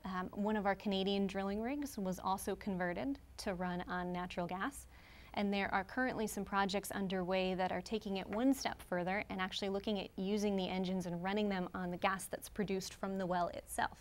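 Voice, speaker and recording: A woman presenting to engineers in a webcast studio, explaining steadily and posing rhetorical questions. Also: medium pitch.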